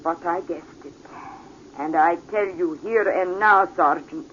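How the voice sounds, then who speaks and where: Bitter and pleading, an actress with a fairly low, somewhat bright voice portrays a passionate, mature Italian woman who is secretly a protective mother. Her formal, accented phrasing is theatrical and deliberate, typical of 1940s radio drama. The audio is muffled and noisy, like a vintage broadcast.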